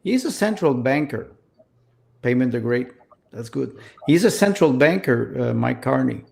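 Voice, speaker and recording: A man from Canada co-hosting a casual political podcast, halting and repeating words as he searches for them. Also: mid-range voice, lively intonation, vocal fry, a little mellow. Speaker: podcast co-host.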